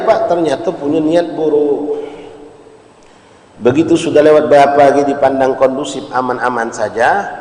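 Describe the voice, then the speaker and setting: A male preacher with a Palembang accent telling a story in a sermon, animated and often calling out to his listeners. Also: fairly high pitch. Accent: Palembang Malay. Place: mosque hall. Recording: echoey mosque hall, long reverb.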